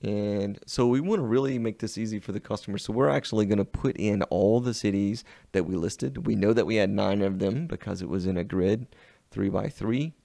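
A man with a Southern US accent talks through a software tutorial one click at a time. His voice sits fairly low and has a gravelly, frayed edge, with a dark, mellow tone. The sound is close and dry, with no room around it. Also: no echo. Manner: unhurried step-by-step walkthrough. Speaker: web design instructor. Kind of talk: screen-recorded software tutorial.

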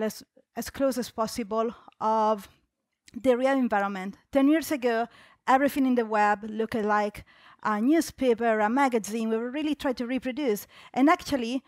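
Giving a conference talk on a big, darkened auditorium stage, a young adult woman from Italy speaks with an Italian accent in a slightly high voice. The studio-quality audio has no echo, and her delivery is chatty, peppered with fillers and restarts.

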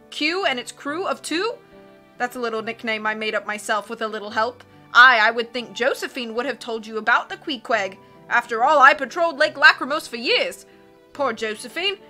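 Woman acting male submarine captain, blustering, excitable, self-contradicting, high-pitched, piercingly bright, storybook character. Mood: boastful, loud. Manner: roaring, self-contradicting, rapid changes of mind.

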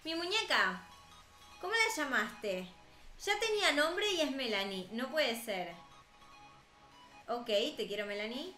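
A woman's voice: high voice, big pitch swings, a little slow, long pauses, sharp tone, reverberant, soft background music, exaggerated voice. A young woman reading a naive little girl. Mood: earnest. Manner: plainly read dialogue. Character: naive young girl talking to her doll.

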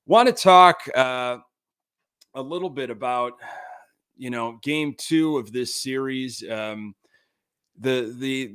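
A man's voice: mid-range voice, fairly bright tone. A man in his thirties hosting a sports podcast from a home studio, talking in a casual, frank way with lots of fillers. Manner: conversational, many fillers, frank and critical. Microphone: large desk mic on camera.

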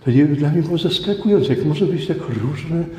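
Fairly high-pitched and animated, with a slightly mellow tone, a middle-aged preacher speaks at a moderate pace in a large church. His sermon mixes personal anecdotes with emphatic, conversational delivery and repeated phrases. The recording picks up the echoey hall and background noise.

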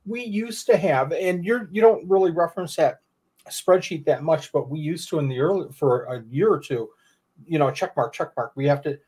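A man's voice: a little high, normal speed, a little mellow, slightly rough. A man hosting a livestream over a video call, chatty and reading out viewers' comments. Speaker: host. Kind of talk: casual livestream chat. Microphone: webcam on a video call.

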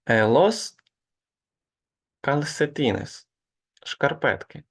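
Slow, gravelly male language teacher. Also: medium pitch, sing-song, a bit bright. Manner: slow, patient explaining with hesitant fillers. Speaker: Spanish teacher. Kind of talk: online grammar lesson.

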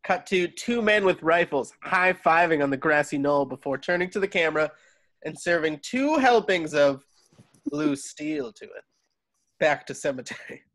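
Here a man on a home video call reads out a script's scene directions for a casual table read. His voice runs on the high side, a little bright and animated, at a moderate pace.

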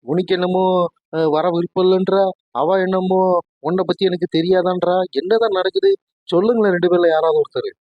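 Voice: medium pitch, lively intonation, a little fast, no room sound, dull audio. A performer voicing a puzzled grown son in a cartoon, caught between his mother and sister and asking what is going on. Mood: bewildered. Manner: bewildered, questioning.

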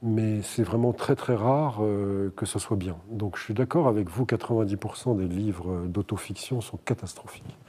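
A man's voice: on the low side, moderate pace, mellow, husky. A man in a panel discussion, talking emphatically and hunting for words with many restarts. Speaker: novelist guest.

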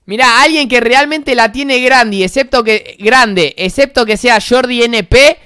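A man in his twenties with an Argentine accent, a gaming streamer, teases and mocks other players in casual voice chat. His high-pitched voice is bright and pushed, yet his delivery stays unhurried.

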